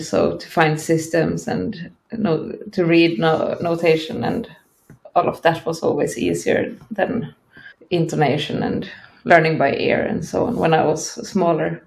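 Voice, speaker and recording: A woman, a band member, speaking deliberately in an interview, often restarting her sentences. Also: low voice, vocal fry, roomy sound. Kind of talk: casual interview.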